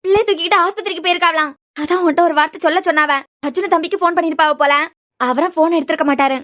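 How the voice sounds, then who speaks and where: A woman voicing a kindly older shop worker in a cartoon serial, gently explaining with a Kanyakumari Tamil accent. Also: very high voice, rapid-fire. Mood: concerned.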